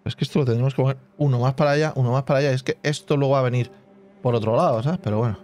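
A channel host comments casually on his own gameplay in a let's-play, thinking aloud and humming little sound effects. His mid-range, darkish voice is fairly even in intonation and very fast.

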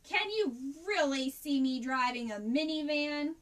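A woman's voice: sits high, lively intonation, a little slow, fairly bright tone, recorded from a distance. A woman voicing a grumpy male T-Rex who bellows blunt answers in a picture-book reading.

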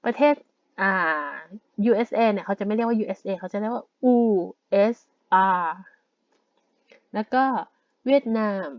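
A woman teaching a language lesson in a relaxed, casual way, explaining words one at a time. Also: medium pitch, normal speed, no echo, highs cut off.

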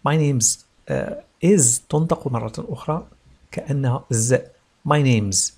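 A man with a slightly husky voice gives a beginner English lesson, explaining in Arabic. He drills each English phrase slowly and more than once so listeners can repeat after him. His pitch sits in an ordinary middle range. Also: mellow. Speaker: English teacher.

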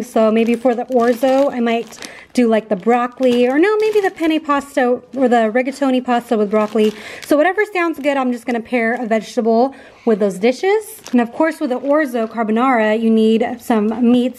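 Chatty upbeat woman vlogger, bit high. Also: a little mellow, slight background noise. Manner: chatty, upbeat, talks to viewers directly. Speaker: lifestyle vlogger. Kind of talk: casual grocery haul narration. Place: home kitchen, indoors.

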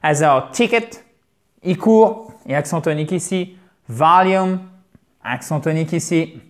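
Standing at a board, a man with a fairly high-pitched voice gives an English pronunciation lesson. Calling his audience dear friends, he speaks with energy and says English words slowly, again and again, to demonstrate each sound.

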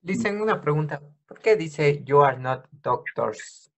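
A man's voice: fairly high pitch, animated, measured pace, creaky. Hesitant male student on a call. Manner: hesitant, questioning. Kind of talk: asking questions in class. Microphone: video call.

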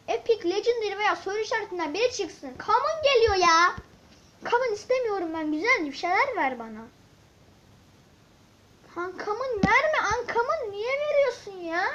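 A woman giving casual let's-play commentary, excitable and grumbling as she talks to viewers and the game. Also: very high-pitched, normal speed. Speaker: gaming channel host. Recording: dull lo-fi mic with faint hiss and clicks.

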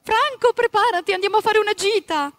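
A woman voicing a bossy, loud middle-aged wife who gives orders in a high voice. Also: fairly quick, no echo.

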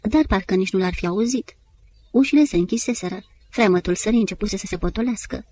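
A woman narrating an audiobook in a measured storytelling manner. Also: medium pitch, a little mellow. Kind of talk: scripted literary narration.

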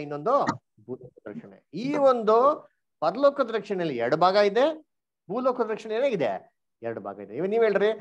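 Questioning male Bible teacher on a lo-fi call. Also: high voice. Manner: quizzes the group, mixes in English words. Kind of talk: online Bible class teaching.

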